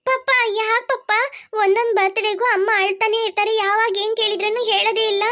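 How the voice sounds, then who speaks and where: A woman's voice: very high-pitched, fairly even intonation, fast, fairly bright tone. A woman voicing a curious young girl in a cartoon who keeps pressing her father with questions. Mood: insistent. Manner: insistent questioning. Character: curious older daughter, persistent. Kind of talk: cartoon voice acting.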